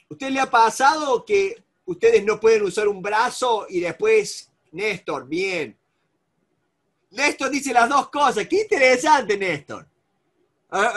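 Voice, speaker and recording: Argentine male seminar instructor, high-pitched, animated and repetitive, addresses the group by name. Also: breathy edge. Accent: Argentine Spanish. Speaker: negotiation instructor. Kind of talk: live seminar lecture to a group.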